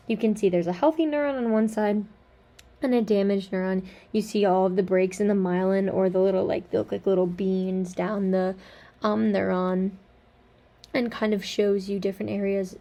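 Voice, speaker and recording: A woman's voice: mid-range voice, dark tone. A young woman giving a class presentation, talking casually with frequent ums and likes. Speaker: student presenter.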